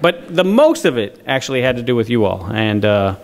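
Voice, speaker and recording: A man's voice: mid-range voice, very animated, a little fast, vocal fry. A male faculty member giving an informal speech at a student ceremony, earnest with dry joking asides and frequent restarts, in front of a live audience.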